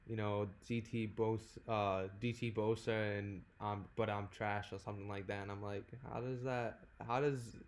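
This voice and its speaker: A man hosting a podcast in casual chat, easygoing and quick to agree, with many fillers. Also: fairly low pitch, flat delivery, slight background noise. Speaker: podcast host.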